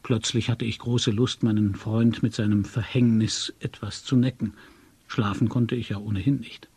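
Man, audiobook narrator, measured storytelling, husky voice, dry sound. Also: on the low side, level tone, a little mellow, no room sound. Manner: measured first-person storytelling.

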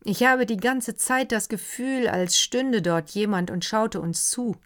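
A woman's voice: on the high side, a little slow, a bit bright, voice pushed up. A woman doing a dry, distracted nobleman. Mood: offhand. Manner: dry, offhand. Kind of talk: audiobook reading.

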